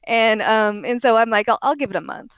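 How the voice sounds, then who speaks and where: Speaking fairly quickly and animatedly, this young-sounding woman from Oregon has a slightly high, clear, resonant voice recorded without echo. As a guest in a relaxed interview, she rambles, corrects herself, and laughs often.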